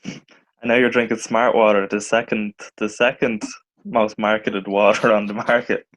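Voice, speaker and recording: A man with a lowish voice co-hosts a casual fight-sports podcast. He talks in a relaxed, unhurried way and slips in dry jokes. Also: poor audio. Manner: laid-back, dry joking. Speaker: podcast co-host.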